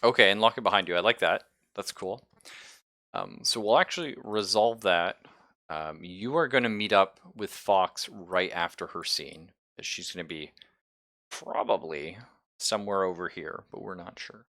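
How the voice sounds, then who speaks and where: A man with a low, bright, forceful voice and a normal speaking speed improvises narration as a tabletop roleplaying game master. He's conversational and playful and swears casually, recorded dry on a close mic.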